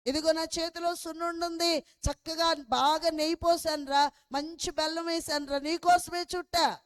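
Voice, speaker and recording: A woman's voice: extremely high pitch, fairly even intonation, normal speed. A woman preacher voicing a loving village mother who coaxes and scolds her son in a sermon story. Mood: coaxing. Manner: coaxing then scolding.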